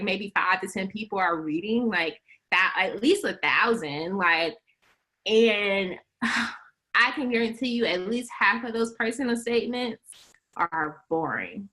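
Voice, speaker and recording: A young woman coaching law school applicants in a webinar, talking in a chatty, animated way with lots of "like" and laughs between phrases. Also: mid-range voice. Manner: chatty, animated, heavy use of "like". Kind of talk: webinar presentation.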